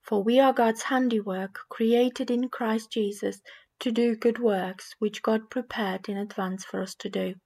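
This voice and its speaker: A woman from Romania with a Romanian accent, reading scripture and giving a sermon in a measured, reflective way. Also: fairly high pitch, steady tone, creaky, a little mellow. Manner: measured, reflective delivery with small restarts. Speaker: preacher.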